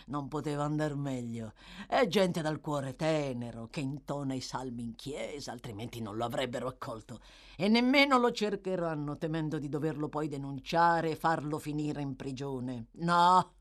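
A woman voicing a brutal, violent man who barks and shouts threats. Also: deep voice, voice pushed down.

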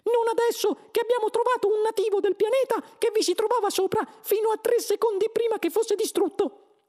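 A man voicing a small male mouse who speaks in a very high, tart and sharp way. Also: fairly even intonation, fairly quick.

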